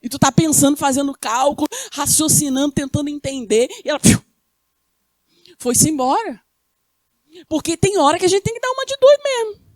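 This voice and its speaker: A woman's voice: high voice, expressive, a little fast, darkish tone, dry recording, clean studio sound. A woman from Rio de Janeiro with a Carioca accent, preaching a sermon who asks the congregation questions and answers them herself. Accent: Carioca Brazilian Portuguese. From Rio de Janeiro, Brazil.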